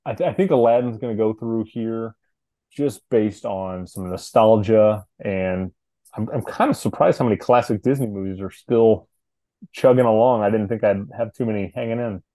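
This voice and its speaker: Low-voiced man pondering aloud. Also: normal speed, mellow, no room sound, clean studio sound. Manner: thoughtful, hesitant, restarts sentences. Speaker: podcast co-host. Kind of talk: casual chat.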